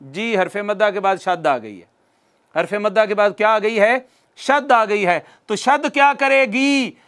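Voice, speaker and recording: A male teacher leads a recitation class, his high, somewhat bright voice going slowly over definitions for dictation while he asks and answers his own questions.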